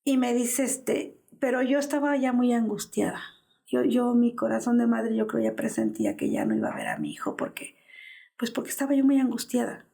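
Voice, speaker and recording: A woman's voice: a little high, very animated, moderate pace, creaky, mellow. A woman in her fifties with a Mexican Spanish accent, giving an interview as the mother of a missing man and telling an anguished story that acts out the dialogue. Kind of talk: personal testimony in an interview.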